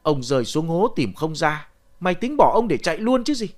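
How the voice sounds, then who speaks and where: A male narrator voicing a gruff old grandfather, a grave digger who curses and scolds bluntly. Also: mid-range voice, sing-song, moderate pace, natural voice. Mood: scolding.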